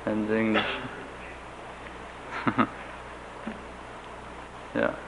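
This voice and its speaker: A gravelly, lowish male voice with a German accent comes across as very animated, though he answers interview questions haltingly and carefully, restarting frequently. German is his first language, and the recording is a dull lo-fi tape with faint hiss.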